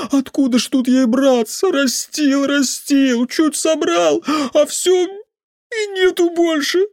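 A man voicing a drunk, tearful old village man who wails in a hoarse, high voice. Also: no room sound, studio quality, full character voice. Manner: wailing, tearful rustic speech.

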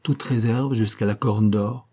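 A man voicing a calm, methodical male police detective in an audiobook, with a measured, explanatory delivery. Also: on the low side, husky. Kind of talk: audiobook character reading.

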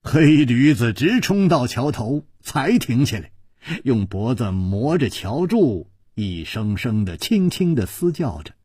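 Brief: male storyteller, husky, slow, melodic dramatic reading. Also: medium pitch, very animated, darkish tone, no echo, studio quality. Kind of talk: expressive novel-reading storytelling.

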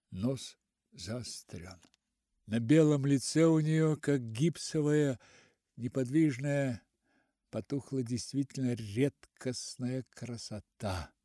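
A man narrating an audiobook in a slow, measured, intense storytelling manner. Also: medium pitch, warm tone, no room sound, studio quality.

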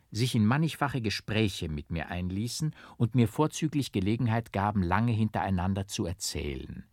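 Low-voiced man reading a gothic novel. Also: dry recording, studio quality. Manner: measured, rhythmic, carefully stressed. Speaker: audiobook reader. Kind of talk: scripted literary narration.

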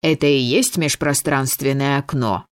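A woman voicing a fussy old male wizard scholar who lectures slowly and dismissively, in a storybook reading. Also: medium pitch, fairly even intonation, natural voice. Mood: lecturing.

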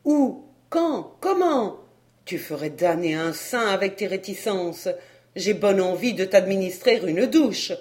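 A woman's voice: on the low side, measured pace, darkish tone, natural voice. A woman reading aloud as an irritated male doctor, pressing his friend with insistent, teasing questions. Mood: impatient.

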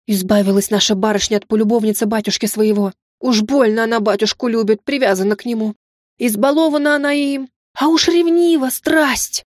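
A woman's voice: on the high side, dry recording, clean studio sound, lightly acted. A woman reading an audiobook voices a sly, tearful middle-aged maid who speaks in a folksy, old-fashioned, plaintive way.

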